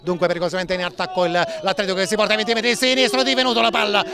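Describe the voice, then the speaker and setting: A man giving breathless, excited, shouted football goal commentary over a crowd. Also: sits high, rapid-fire. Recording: crowd noise behind outdoor match commentary. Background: outdoor stadium crowd.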